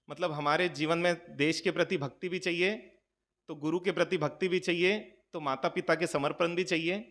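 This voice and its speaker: A man's voice: on the high side, fairly bright tone. A man preaching as a Jain monk to a gathering, talking casually, joking and throwing rhetorical questions at his listeners. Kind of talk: conversational sermon to a gathering. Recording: long hall reverb.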